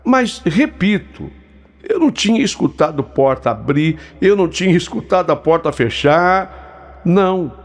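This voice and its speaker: A man with a Brazilian accent telling a first-person spooky story, with slow suspenseful pauses and asides to his listeners. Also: high-pitched, very animated. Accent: Brazilian Portuguese.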